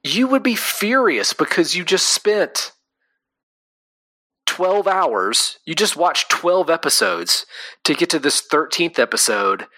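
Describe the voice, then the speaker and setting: A man co-hosting a casual podcast about comics, talking in animated quick bursts full of fillers. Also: on the high side, no room sound. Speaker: podcast co-host. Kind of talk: casual chat.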